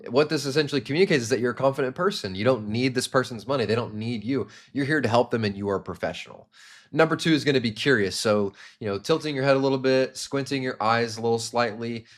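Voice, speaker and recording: A young man in his twenties teaching sales to camera, energetic and demonstrating different tones with hand gestures. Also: mid-range voice, fast. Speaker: sales trainer. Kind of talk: instructional talk to camera.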